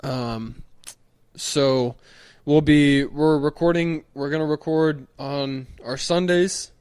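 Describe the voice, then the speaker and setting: A man's voice: fairly high pitch, fairly even intonation, darkish tone, smooth, dry recording, studio quality. A young man co-hosting a podcast, rambling easily with lots of restarts. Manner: rambling, halting restarts, easygoing. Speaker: podcast co-host. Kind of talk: casual chat.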